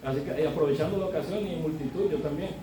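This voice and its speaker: In a church hall, a high-voiced male preacher rattles through his sermon, conversational and full of tag questions, before climbing to loud, emphatic exhortation. He's picked up from far off, the hall echoing, with faint ambient noise.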